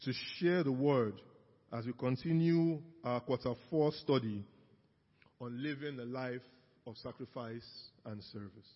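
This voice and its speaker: A man's voice: mid-range voice, measured pace. A man introducing the next speaker at a church service. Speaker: service announcer. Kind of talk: church announcement. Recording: reverberant hall, dull sound.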